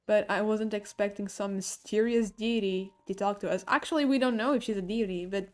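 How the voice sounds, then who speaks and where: A young woman with a sick, rough voice, streaming a game and chatting casually as she stutters through her lore theories. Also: mid-range voice, brisk, a little mellow. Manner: stuttering, thinks aloud about game lore. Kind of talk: casual livestream commentary.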